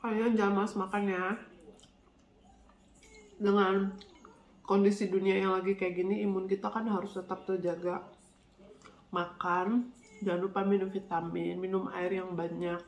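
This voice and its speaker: Nasal and blocked up from a cold, a woman hosts a mukbang vlog, chatting colloquially as she eats and often speaking between bites. Her mid-range voice is level and moderately paced with long pauses, set against roomy echo and faint background noise.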